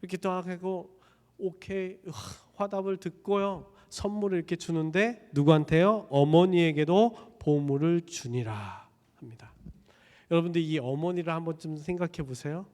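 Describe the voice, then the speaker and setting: A man preaching a sermon as a pastor, telling the story with lively voices for each character. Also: high voice, normal speed, in a large hall. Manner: animated storytelling, acting out characters' lines. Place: church sanctuary.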